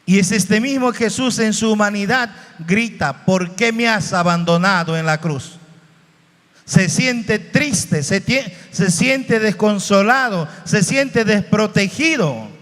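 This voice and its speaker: Man from Bolivia, high voice, unhurried emotional preaching, reverberant hall. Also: lively intonation, fairly bright tone. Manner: slow, emotional preaching with dramatic shifts in voice. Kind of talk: sermon. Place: church hall.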